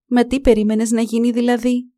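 A woman's voice: on the high side, little pitch movement, dark tone, no room sound, studio quality, pitched above the performer's own voice, close to an everyday voice. A woman voicing a worried, bitter farmer's wife in a storybook reading. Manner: plaintive.

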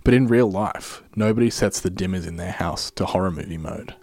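A man's voice: low voice, a little fast, darkish tone, no room sound. A man giving scripted narration in the style of a film-analysis video essay.

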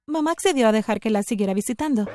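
A woman giving an expressive, scripted first-person narration of a story. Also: fairly high pitch, racing, no room sound, clean studio sound.

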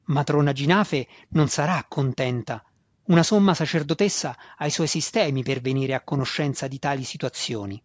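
A man's voice: mid-range voice, normal speed, dry recording, natural voice. A man playing a desperate young drow student. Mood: indignant. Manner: pleading, indignant, raised voice. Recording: dull dry lo-fi recording.

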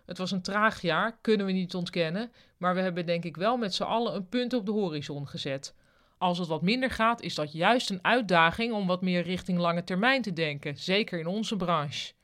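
A man's voice: sits high, moderate pace, fairly bright tone. A reader voicing a boastful middle-aged male office manager who gives a jovial speech full of corporate jargon. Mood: rousing.

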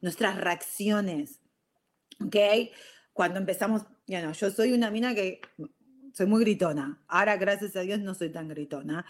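A middle-aged woman with a Rioplatense Spanish accent talks casually to her live viewers about personal growth. She speaks in loose, chatty runs, breaking off and restarting her thoughts. She keeps checking in with a quick "ok?" after her points. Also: medium pitch. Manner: chatty, frequent "ok?" tags. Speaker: live stream host. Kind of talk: casual talk on self-growth.

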